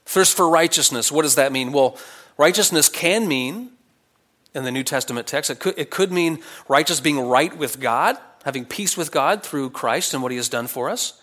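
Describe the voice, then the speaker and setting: At a normal speed and with a fairly high-pitched voice, a male preacher works through scripture expositorily. He alternates emphatic statements with hushed asides, reading verses, discussing them casually, and answering the questions he poses.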